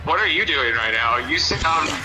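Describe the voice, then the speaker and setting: A man's voice: a little high, animated, normal speed. A young man chatting casually on a drunken phone call, cocky and swearing freely. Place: outdoors on a city street. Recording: noisy phone call with background ambience.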